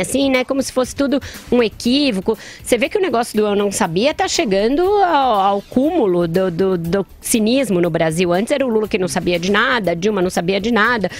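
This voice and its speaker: A woman's voice: mid-range voice, animated, a little fast, few pauses. Sarcastic Brazilian woman commentator. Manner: sarcastic, mocking. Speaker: radio commentator. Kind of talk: opinionated radio commentary.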